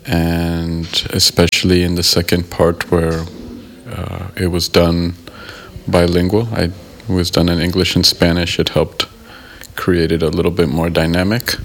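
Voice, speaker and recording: A man from the United States, a guest in an interview, answering in a thoughtful, measured way and pausing to rephrase. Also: deep voice, gravelly. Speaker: guest, member of an art collective.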